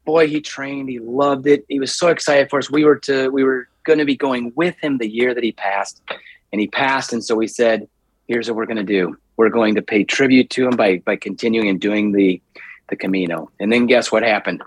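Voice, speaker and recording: A man with a husky, slightly rough voice tells stories as an interview guest. He rambles and restarts often, and he grows animated as he goes. The recording is close and dry, with no room sound. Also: medium pitch, moderate pace, dry recording. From United States. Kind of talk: storytelling in a podcast interview.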